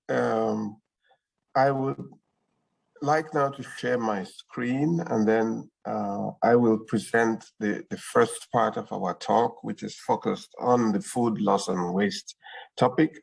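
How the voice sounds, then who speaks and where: A man from Cameroon presents on a video call. His low, gravelly voice moves at an unhurried pace, with a husky edge and many hesitant fillers. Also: low-quality recording. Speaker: presenter, UN agency deputy director. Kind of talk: webinar presentation.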